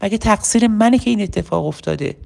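Woman, middle-aged, public speaking lesson, gravelly voice, rhetorical questions, mid pitch. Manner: animated, rhetorical questions, plays out example speeches. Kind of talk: teaching talk, addressed to listeners.

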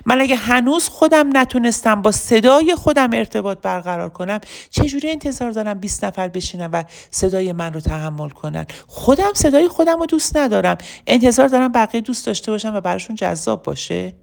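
A woman's voice: fairly high pitch, creaky. A middle-aged woman teaching public speaking. She asks rhetorical questions and acts out sample speeches to make her points. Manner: animated, rhetorical questions, plays out example speeches. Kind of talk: teaching talk, addressed to listeners.

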